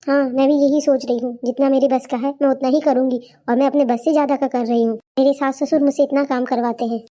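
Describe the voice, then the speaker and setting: A frustrated, overworked young daughter-in-law in a cartoon story, voiced by a woman. Her voice is high and mellow, and she speaks in a plaintive, complaining way. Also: fairly even intonation, quick pace, lightly acted. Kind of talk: cartoon voice acting.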